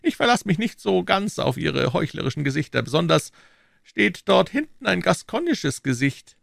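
A man voicing an excitable young king in a high, fussy, scolding voice, reading a story aloud. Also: vocal fry, no room sound, studio quality, full character voice. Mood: teasing. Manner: shrill, fussy, quick to scold. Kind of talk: audiobook character voice.

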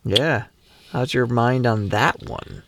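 Slow, halting male podcast co-host. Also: mid-range voice, gravelly, heavy background noise. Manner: halting, with fillers and restarts. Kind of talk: casual chat.

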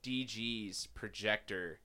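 A man in his twenties co-hosting a casual chat at home, animated and profane, full of "like" fillers, into a big microphone. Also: lowish voice, slow, a crowd in the background. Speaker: podcast co-host. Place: home bedroom. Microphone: large studio-style microphone.

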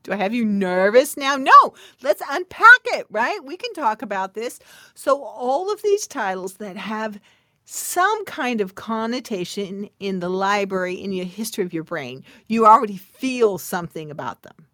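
This middle-aged woman's medium-pitched voice swings widely in pitch, moving at a moderate pace with a sharp tone. The dry, clean studio recording catches her hosting a podcast playfully, chatting straight to listeners with asides and laughs and dropping into whispers for effect.

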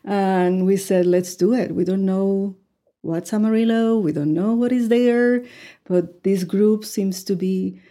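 Warm-voiced woman in her sixties. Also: medium pitch, a little slow. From Puerto Rico. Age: 60s. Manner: earnest, with frequent fillers and light laughs. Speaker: guest. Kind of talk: conversational interview.

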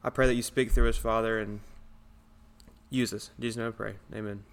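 A man's voice: on the low side, little pitch movement, fairly quick. Easygoing man in an echoey church sanctuary. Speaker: podcast co-host.

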